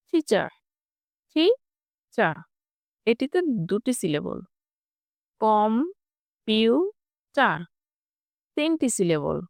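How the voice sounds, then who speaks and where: A woman teaching an English lesson to young pupils, reading out words slowly, then translating and explaining them, sometimes breaking a word into its syllables. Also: a little high, darkish tone, no room sound.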